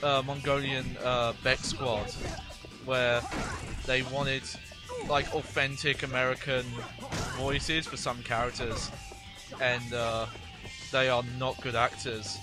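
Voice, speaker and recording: A man giving casual video game commentary as a streamer, rambling in halting asides. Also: mid-range voice, level tone. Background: game music.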